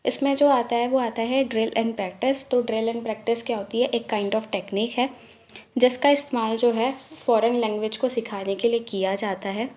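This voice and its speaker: Bright-pitched woman explaining a lesson. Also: a little hiss or hum. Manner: slow, deliberate reading of English headings; steady step-by-step explaining with many fillers. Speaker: teacher-training tutor.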